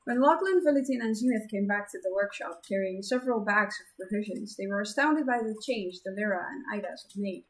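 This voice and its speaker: A woman's voice: medium pitch, brisk, few pauses. A woman reading her own fantasy novel aloud on a live stream, correcting small slips as she goes.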